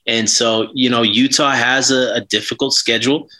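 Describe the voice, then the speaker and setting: A man's voice: medium pitch, fairly even intonation, normal speed, pushed and bright, low-quality recording. A man co-hosting a casual sports podcast, rambling with lots of fillers and restarts. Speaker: podcast co-host.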